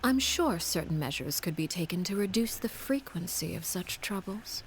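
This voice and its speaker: A woman playing a cold, soft-spoken commander. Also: fairly low pitch, animated, slight background noise, lightly acted, poor audio. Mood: calm. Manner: measured, formal, quietly menacing. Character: cold composed woman, commander of a feared group. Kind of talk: game voice acting.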